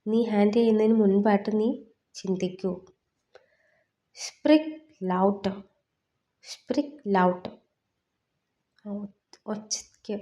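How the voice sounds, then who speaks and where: A woman teaching a lesson, saying each phrase twice slowly and then explaining its meaning. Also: mid-range voice, warm tone. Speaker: language teacher. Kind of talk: explaining in Malayalam.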